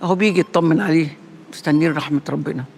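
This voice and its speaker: An actress playing a fierce, sharp-tongued older matriarch in an Egyptian TV drama, speaking with an Egyptian accent. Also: female voice, deep voice, rapid-fire, slight background noise. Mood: grieving. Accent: Egyptian Arabic. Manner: sharp, mocking, threatening.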